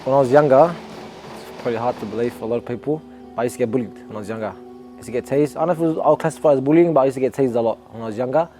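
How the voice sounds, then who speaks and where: A man's voice: medium pitch, racing, mellow, faint music behind. A young Australian man, an amateur boxer, talking earnestly and reflectively in a documentary interview, often restarting his sentences.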